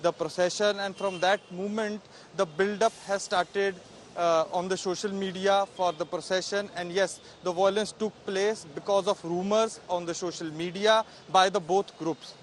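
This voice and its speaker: A man's voice: high-pitched, fairly even intonation, moderate pace. A man with an Indian accent giving a live investigative news report as a field reporter. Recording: faint outdoor traffic noise on live link.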